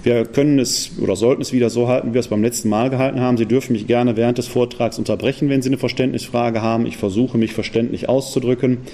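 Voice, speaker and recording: A man from the Ruhr area in Germany giving a public lecture in a parish hall, talking quickly and posing pointed rhetorical questions. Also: mid-range voice, steady tone, dark tone.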